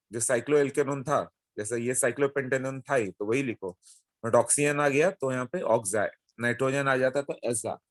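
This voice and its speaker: A man's voice: medium pitch, no echo. A man teaching a chemistry lesson, explaining step by step and checking in with his students as he goes. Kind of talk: classroom lecture.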